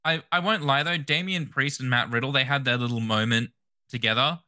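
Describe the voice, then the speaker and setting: A man co-hosting a casual podcast chat, measured, with dry remarks. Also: medium pitch, pushed and bright. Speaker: podcast co-host.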